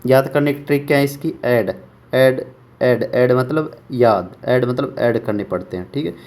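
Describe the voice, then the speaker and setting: A man teaching English vocabulary for exams, repeating words slowly and asking rhetorical questions. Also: mid-range voice, a little mellow. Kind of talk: exam-prep vocabulary lesson.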